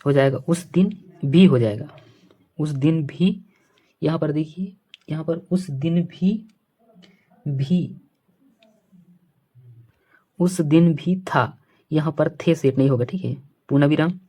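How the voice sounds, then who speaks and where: A man teaching a shorthand lesson step by step. He repeats himself often, keeps pointing things out and checking that the listener follows, and reads phrases out slowly, word by word. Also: fairly high pitch, mellow, husky. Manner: repetitive, keeps saying "see here" and checks understanding.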